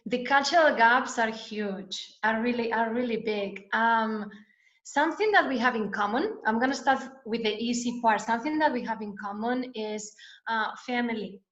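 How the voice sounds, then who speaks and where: A woman's voice: on the high side, moderate pace, a bit bright. A woman from Spain with a Spanish accent, a guest educator talking hesitantly with many fillers in an online interview. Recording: echoey, dull lo-fi call audio.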